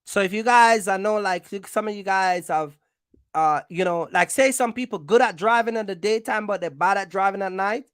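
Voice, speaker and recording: This trucking channel host is a woman with a medium-pitched, clean voice at a normal pace, captured in studio quality with no room sound. Offering advice in a casual explainer, she's blunt and forceful, leaning on slang and repeated phrases for emphasis.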